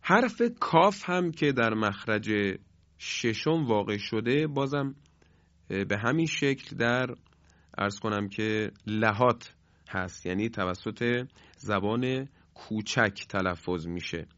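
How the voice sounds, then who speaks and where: A man giving a formal, polite pronunciation lesson on Quran recitation, repeating sounds slowly to demonstrate them. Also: lowish voice, a bit bright, dry recording. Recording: slightly dull lo-fi sound.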